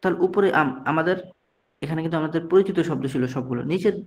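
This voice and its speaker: A man's voice: a little high, quick pace, a little mellow. A man from Bangladesh teaching an online class, patiently reading each short phrase aloud and then translating it, often cutting off and restarting a word. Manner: frequent restarts and mid-word corrections. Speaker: Arabic teacher.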